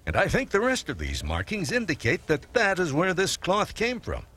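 An actor playing a college professor who explains in a measured, learned way, in a radio drama. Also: male voice, high voice, wildly swooping pitch, pushed and bright, husky, exaggerated voice. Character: scholarly, careful college professor.

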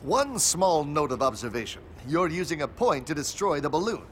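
A man's voice: a little high, very animated, moderate pace, a bit bright, a little hiss or hum. A man playing a pompous, self-assured male superhero who speaks in a formal, grandiloquent way. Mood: earnest. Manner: grandiloquent, formal heroic speech. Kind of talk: comedic audio drama acting.

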